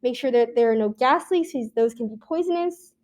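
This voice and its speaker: Mellow, high-voiced teen girl presenting. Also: animated, brisk. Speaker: student presenter. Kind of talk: reading a scripted class presentation.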